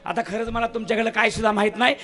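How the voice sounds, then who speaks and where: Brief: male folk preacher-comedian, high, bright, gravelly voice, loud and preachy. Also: level tone, rapid-fire. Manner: loud, preachy, scolds the crowd. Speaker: bharud folk performer. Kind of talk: comic folk sermon to a live audience.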